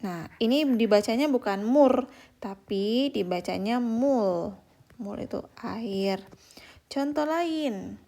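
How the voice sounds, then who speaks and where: A young woman giving a patient online beginner language lesson, repeating example words slowly and often addressing her viewers as friends. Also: mid-range voice, lively intonation, gravelly, darkish tone. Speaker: Korean language teacher.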